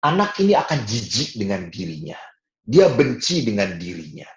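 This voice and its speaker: A man's voice: fairly low pitch, normal speed. Male priest, storytelling sermon, roomy echoey hall. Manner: storytelling, lively, often acting out quotes. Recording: roomy echo.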